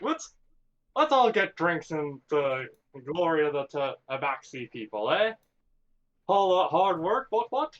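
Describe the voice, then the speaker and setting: A man voicing a jovial, pompous upper-class gentleman adventurer who uses old-fashioned slang. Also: a little high, very animated, unhurried, lo-fi sound, pitched above the performer's own voice.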